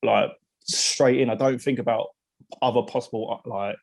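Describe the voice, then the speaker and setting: A man's voice: medium pitch, steady tone, moderate pace, vocal fry. A man chatting casually on a podcast, talking in loose, restarting sentences and swearing freely. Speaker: podcast co-host. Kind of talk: casual chat.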